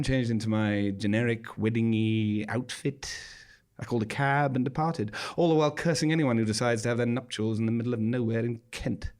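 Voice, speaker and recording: In a live show at a small theatre, a man speaks in a mid-range, darkish voice as he performs a scripted first-person tale. His delivery is arch, droll and dramatic, fitting his role as a monologue performer.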